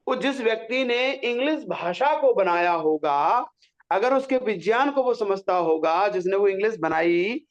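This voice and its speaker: A man leads a pronunciation lesson, speaking slowly and with care. He patiently draws out sounds one by one for his students. His fairly high voice comes through a slightly muffled, lo-fi recording. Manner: patient, drawing out syllables to demonstrate. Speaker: Sanskrit teacher.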